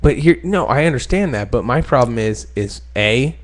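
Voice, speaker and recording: A man co-hosting a podcast in casual chat, excitable, joking and profane. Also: mid-range voice, moderate pace. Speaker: podcast co-host.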